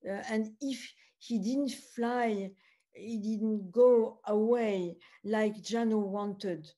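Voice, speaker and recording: A woman film producer with a French accent speaks non-native English at a festival Q&A, her voice medium in pitch and dark in tone. She halts often, searching for the right English words and filling gaps with many uhs.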